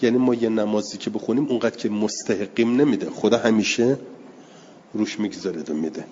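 A man with a low, mellow voice teaches a class on a religious text, reading each passage slowly and then explaining it in plain terms. He pauses to answer students' questions. The recording is dull and lo-fi, with a long hall reverb behind him. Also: a little hiss or hum.

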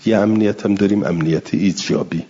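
Man, deep husky voice, lecture-style Quran exegesis, slow Arabic readings with plain explanations, muffled lo-fi sound. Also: warm tone, a little hiss or hum. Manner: reads Arabic passages slowly, then explains in Persian. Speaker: Quran commentary teacher. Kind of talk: religious lesson on Quran exegesis.

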